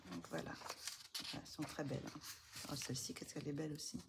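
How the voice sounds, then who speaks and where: Talking fast in a low-pitched, gravelly voice with little pitch movement, a woman chats casually as she shows coloring books and gushes over the pages. The soft-spoken vlogger uses many fillers and often drops to a near whisper in this show-and-tell, with background noise behind her.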